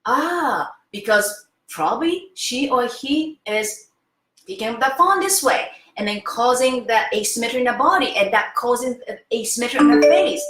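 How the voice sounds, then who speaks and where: A woman's voice: on the high side, lively intonation, moderate pace, a bit bright, reverberant, soft background music. A woman in her fifties giving an interactive face yoga lesson, enthusiastic and often checking in with the viewer. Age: 50s. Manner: enthusiastic, keeps checking in with "okay?".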